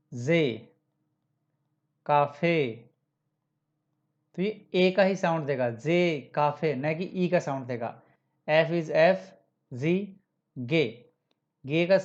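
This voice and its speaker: A man's voice: fairly high pitch, darkish tone. Man teaching German letters, dull sound. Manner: spells out letters slowly and repeats example words; mixes English words into his explanations. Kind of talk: classroom-style alphabet lesson.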